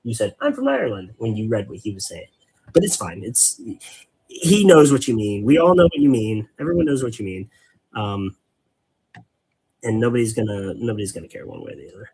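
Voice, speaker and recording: A man's voice: on the low side, very animated, brisk, a little mellow, breathy edge. A man hosting a casual hobby painting stream, rambling and patiently explaining things, cracking corny dad jokes. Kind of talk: casual live-stream chat while painting.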